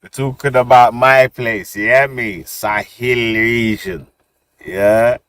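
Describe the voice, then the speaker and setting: A man's voice: medium pitch, steady tone, slow, fairly bright tone, smooth, dry recording. A man with a London roadman street accent, chatting casually on a livestream with lots of slang and tag questions. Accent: London, street roadman style. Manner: slangy, repetitive, punctuated with "yeah?" and "innit". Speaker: livestream host. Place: outdoors on city streets while streaming.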